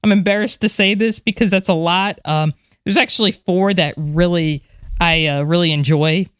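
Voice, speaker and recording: Chatty woman with a smooth voice. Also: lowish voice, moderate pace, no echo, studio quality. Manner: chatty, animated, many fillers and restarts. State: moved, a little emotional. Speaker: podcast co-host, space history enthusiast. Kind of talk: casual chat.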